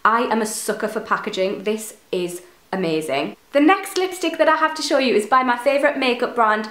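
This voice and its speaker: Gushing about products, a young woman in her twenties vlogs beauty reviews to a camera at close range in her bedroom. She's slightly nasal from a cold, and her fairly high, expressive, somewhat bright voice moves a little fast, with roomy acoustics.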